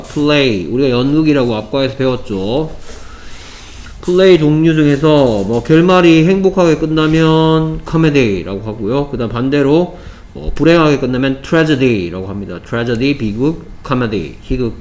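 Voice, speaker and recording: A man's voice: medium pitch, darkish tone, slight background noise. Man teaching vocabulary step by step. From South Korea. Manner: explains step by step, repeats words, says "okay" often. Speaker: English teacher. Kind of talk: vocabulary lesson.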